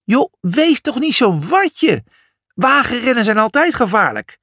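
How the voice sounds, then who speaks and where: A man's voice: very high-pitched, big pitch swings, measured pace, sharp tone, no room sound, studio quality, pitched above the performer's own voice, full character voice. A man voicing a reckless, cheerful young male zebra who brags and whoops. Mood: rowdy excited. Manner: wild and boastful, whooping.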